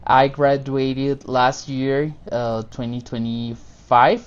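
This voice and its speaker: In his 20s and from Costa Rica, this dentist is a podcast guest giving casual interview answers about his work, friendly and informal with loose non-native phrasing. His mid-range voice is level, slow and smooth, though the audio sounds dull.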